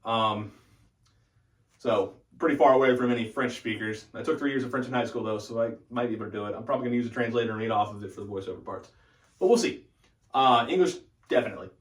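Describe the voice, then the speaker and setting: A young adult man with a mid-range voice talks fast, giving a casual, informal update as host of a hockey fan channel and thinking aloud along the way. He sounds distant from the mic in an echoey room.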